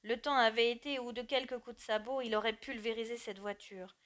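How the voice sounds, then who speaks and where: A woman narrating an audiobook with an expressive and measured reading. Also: on the high side.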